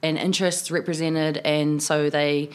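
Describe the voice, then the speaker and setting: This young woman, in her twenties, has a deep voice with little pitch movement and an unhurried delivery. A New Zealand city councillor with a New Zealand accent, she's chatty in a casual podcast interview, using plenty of "um" and "like."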